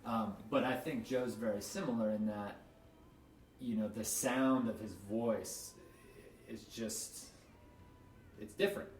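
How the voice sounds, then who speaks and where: A podcast host with a fairly low voice speaks slowly and pauses often in a casual interview chat. He rambles thoughtfully with lots of fillers, recorded on a distant mic in an echoey room with faint noise.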